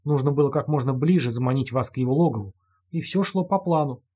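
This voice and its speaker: A man reading an audiobook, voicing a calm, vengeful young killer who talks in a detached, mocking way. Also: mid-range voice, fast, husky, close to an everyday voice. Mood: cold menace. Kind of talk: audiobook character voice.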